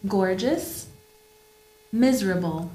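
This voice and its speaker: British woman talking slow, echoey room with a faint hum. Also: mid-range voice, expressive, warm tone. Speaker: native speaker guest. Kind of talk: modeling pronunciation and chatting. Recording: roomy echo with mains hum.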